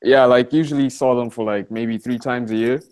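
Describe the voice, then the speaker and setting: A man's voice: mid-range voice, moderate pace, clean tone. An eighteen-year-old man from Malawi, a college student, talking casually as an interview guest over a video call from a library study room, with lots of "like" and "you know.". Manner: relaxed, conversational, many fillers like "like" and "you know".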